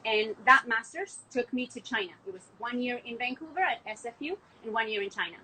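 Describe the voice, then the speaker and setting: Calling in to a relaxed podcast from her home with a window view of the city, this young wine export manager from Argentina raves enthusiastically about wine, filling her speech with "like." Her slightly high voice is brisk, pushed and bright. The audio is poor, with a little hiss or hum.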